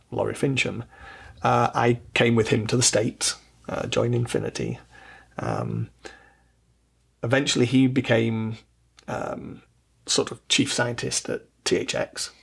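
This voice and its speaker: A middle-aged British man from England, answering interview questions in a thoughtful, measured way with fillers. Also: medium pitch, gravelly, husky. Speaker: interview guest, loudspeaker designer. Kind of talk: relaxed conversational interview.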